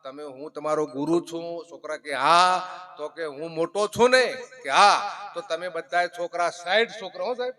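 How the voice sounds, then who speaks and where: A young man with a Gujarati accent telling comic stories live on stage, animated and acting out the characters in his jokes. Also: on the high side, moderate pace. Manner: animated, acts out quoted characters, shouts punchlines. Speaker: folk comedian and storyteller at a devotional music program.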